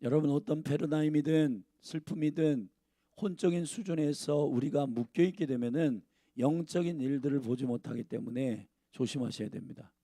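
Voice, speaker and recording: Guy pastor preaching, gravelly a bit high voice, dry sound. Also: moderate pace, dark tone, no echo. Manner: emphatic, addresses the congregation directly. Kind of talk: sermon.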